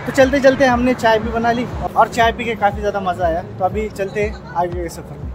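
Man from Latur, Maharashtra, India; high voice; chatty road-trip vlogger; clear music bed behind. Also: little pitch movement, a little fast, a crowd in the background, poor audio. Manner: chatty, explains each stop as he goes. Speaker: travel vlogger. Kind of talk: casual travel vlog narration. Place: on the road and outdoors in a village. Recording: music playing under the voice.

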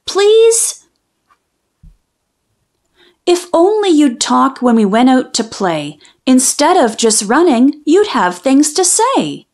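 A woman with a high-pitched voice reads a children's picture book aloud, using an expressive, sing-song storytelling style and drawing out the rhyming lines.

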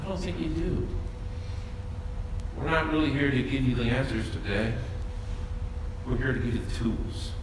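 A middle-aged man preaching a lively sermon as pastor, recorded from a far camera in a small church sanctuary. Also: mid-range voice, moderate pace, long pauses, very echoey, noisy background. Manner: animated preacher, shouts when voicing David.

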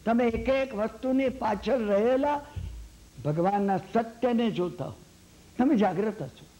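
A man's voice: very high-pitched, measured pace. A man giving a Jain sermon in a Gujarati accent. He tells a long story, acts out the characters' lines and keeps asking his listeners if they follow. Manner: lively storytelling, acts out quoted lines, asks the hall "samjya ne?". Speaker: Jain lecturer.

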